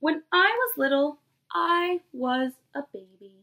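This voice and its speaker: Her voice high-pitched and sharp, a woman in her twenties who teaches preschool reads expressively to young children at a measured pace. She talks to them directly from a small indoor bedroom in this animated read-aloud.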